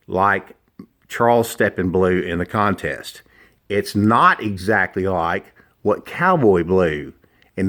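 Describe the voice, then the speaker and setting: A middle-aged man explaining and demonstrating handmade products informally, in a deliberate, emphatic and opinionated manner. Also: lowish voice, a bit bright. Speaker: duck call maker.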